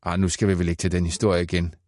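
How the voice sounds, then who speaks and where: A man's voice: low voice, level tone, a little mellow, dry recording, clean studio sound, close to an everyday voice. A man reading aloud and voicing a stern, reproachful mother who presses her son with questions. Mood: scolding. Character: stern scolding mother, middle-aged woman. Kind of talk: audiobook character voice.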